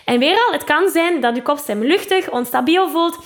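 A woman with a Flemish accent leads a singing lesson in a fairly high voice. She explains registers patiently, tags her sentences with a chatty "hè", and sings short vocal examples as she goes. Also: expressive, normal speed. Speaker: singing teacher and podcast host. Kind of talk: spoken vocal lesson with sung demonstrations.

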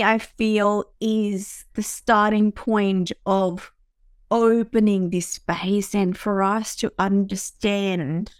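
On her podcast, a woman from Vietnam reflects on her personal life, groping her way through with fillers and restarts. Her medium-pitched voice is smooth, and there's no echo.

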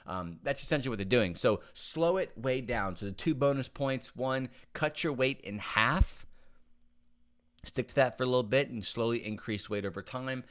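A man's voice: mid-range voice, expressive, a little fast, few pauses. A man hosting a podcast, talking listeners through exercise for back pain in a casual, conversational way, repeating words for emphasis and checking in with "okay?". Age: adult with young kids. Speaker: podcast host and back-pain fitness coach. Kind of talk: casual instructional podcast monologue.

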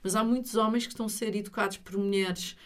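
A woman's voice: mid-range voice, fairly even intonation, fast talker. A middle-aged woman with a European Portuguese accent, speaking as an interview guest in an earnest, emphatic, explanatory way. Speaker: interview guest, retreat leader.

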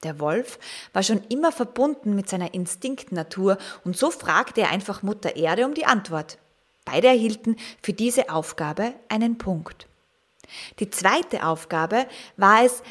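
A woman reads a children's story aloud in a gentle, unhurried voice. She speaks to the young listener directly and drops into a whisper at times, at an even, middling pitch.

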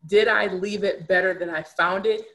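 A young adult woman appears as a podcast guest, telling stories candidly in conversation. Her mid-range voice is a bit bright, with a steady tone at normal speed. She comes across earnest and reflective, repeating words for emphasis.

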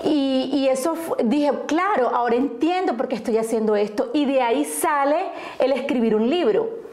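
A woman's voice: sits high, normal speed, darkish tone. A woman from Colombia with a Colombian accent, a guest author telling her story in an earnest, reflective way. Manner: earnest, reflective, with fillers and restarts. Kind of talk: personal storytelling in interview. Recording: roomy echo.

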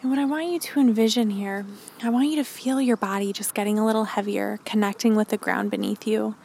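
Calm woman guiding grounding meditation, slightly creaky. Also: mid-range voice, fairly quick, a little hiss or hum. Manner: calm, encouraging, gently instructing. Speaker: podcast host and meditation guide.

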